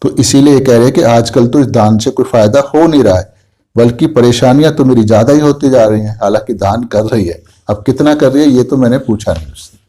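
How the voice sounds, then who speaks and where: Mellow-voiced man explaining a case. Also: medium pitch, fairly quick. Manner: retells a patient's words, then explains them. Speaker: homeopathic doctor.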